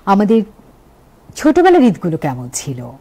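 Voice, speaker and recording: A woman with a Bangladeshi accent presenting a festive television talk show as host, in measured phrases and lists of questions. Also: medium pitch, wildly swooping pitch, warm tone, breathy edge.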